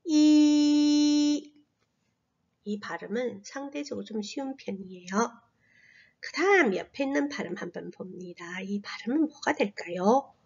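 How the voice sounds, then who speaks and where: A woman teaching a slow, patient language lesson to children, modeling sounds in long drawn-out tones and dropping to a soft whisper on asides. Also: mid-range voice, muffled recording. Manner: drops to a breathy near-whisper on asides.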